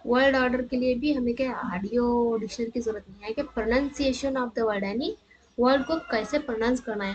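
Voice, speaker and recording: A woman teacher going through an exam answer key. She reads the English options slowly and explains them rapidly in between. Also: on the high side, darkish tone, slight background noise, rough recording.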